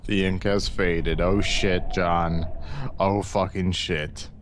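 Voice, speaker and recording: A man's voice: low voice, flat delivery, slow pace. A young man in casual gaming banter as co-commentator, slangy, profane and teasing, with game ambience behind him. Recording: background noise under voice.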